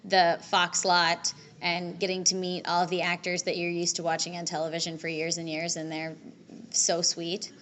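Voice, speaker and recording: A woman's voice: on the low side, completely flat delivery, fairly bright tone, a little hiss or hum. A young adult woman, an actress, chatting upbeat in a casual convention interview. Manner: chatty, upbeat, quick restarts. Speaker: voice and screen actress, interview guest.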